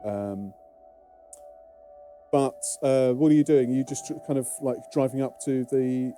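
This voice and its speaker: A man's voice: mid-range voice, unhurried, mellow, soft background music. A man with a British accent narrating a tabletop game as game master, hesitant with many fillers. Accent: British English. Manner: hesitant, many ums and restarts.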